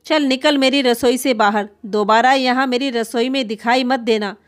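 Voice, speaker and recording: A woman's voice: on the high side, moderate pace, close to an everyday voice. Woman voicing a harsh, scolding daughter-in-law. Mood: contemptuous. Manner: sharp, scolding, contemptuous.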